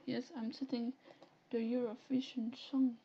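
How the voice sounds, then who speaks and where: A woman with a Flemish accent, a native Dutch speaker, chatting softly and giggling as she streams and reads a story game aloud. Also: a little high, level tone, measured pace, husky, lo-fi sound. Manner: soft-spoken, giggly. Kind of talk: casual live-stream chat, reading a story game aloud.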